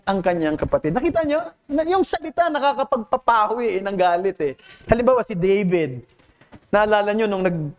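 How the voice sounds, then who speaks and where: Filipino-accented man, pastor's sermon, animated pitch, fairly high voice, earnest and teacherly. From Philippines. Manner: switches between Tagalog and English, asks the congregation rhetorical questions.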